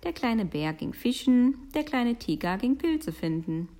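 A woman reading a children's story aloud in an expressive, sing-song storytelling manner. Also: a little high, measured pace. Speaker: storybook reader.

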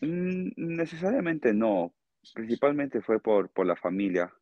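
Over a remote call, a Peruvian man is a guest in an interview, answering questions conversationally in a halting way and often checking in with a short tag question. His voice is mid-range and sing-song, and the audio is lo-fi with no echo.

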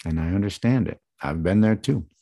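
Deep-voiced man explaining scripture. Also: brisk, mellow. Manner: conversational, reflective asides. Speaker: preacher.

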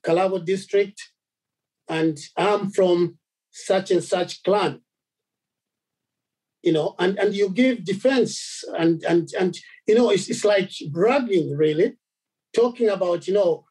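A man from Zambia preaching a sermon, halting, with many repeated words and fillers. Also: high voice, mellow, rough recording.

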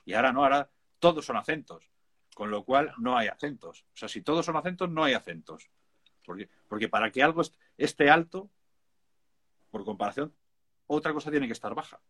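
A man's voice: mid-range voice, animated, a little fast, fairly bright tone, breathy edge. Slangy Spanish man talking music production. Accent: Spain Spanish. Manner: chatty, informal, emphatic, peppered with slang. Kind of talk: casual chat.

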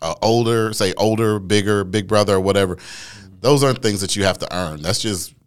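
A man co-hosting a podcast in casual chat, rambling through stories with many restarts and now and then jumping into animated high mimicry. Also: brisk, smooth. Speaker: podcast co-host.

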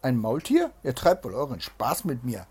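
A reader doing a loud mocking swindler. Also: medium pitch, wildly swooping pitch, normal speed, slightly rough, heavily acted. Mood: mock concern. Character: mocking male swindler, feigning pity.

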